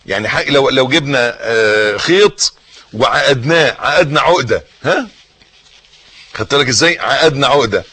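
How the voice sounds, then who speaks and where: A man with an Egyptian accent preaching a sermon, teaching by repeating phrases and putting questions to his listeners, rising to emphatic bursts and then sinking to hushed words. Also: a little high, husky. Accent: Egyptian Arabic. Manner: swings between raised emphasis and soft, hushed phrases.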